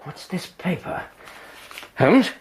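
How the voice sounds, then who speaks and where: An actor playing a kindly, earnest English gentleman doctor in a radio drama, gentle and protective in manner. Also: slow pace, close to an everyday voice. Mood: shocked. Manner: gentle, earnest, plain-spoken. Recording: clearly noisy sound-effect backdrop.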